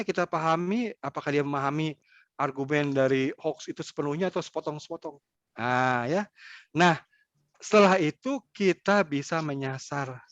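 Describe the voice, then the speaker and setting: A man's voice: a little high, no room sound. Male lecturer, conversational, acts out small examples; lo-fi, dry recording. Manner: conversational, with quick acted-out examples. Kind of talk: online lecture.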